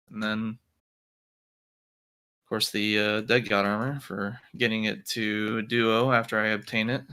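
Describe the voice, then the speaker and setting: A man's voice: mid-range voice, pushed and bright, clean tone. A man co-hosting a casual gaming podcast who laughs easily and lays out his plans step by step. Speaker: podcast co-host.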